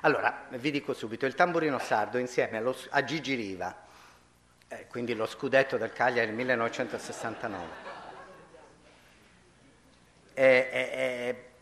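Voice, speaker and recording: A man, giving a lively stage talk, addressing the audience and often restarting his sentences. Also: medium pitch, moderate pace, pauses often. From Sardinia. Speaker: speaker on stage. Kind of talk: stage talk with read-aloud passages.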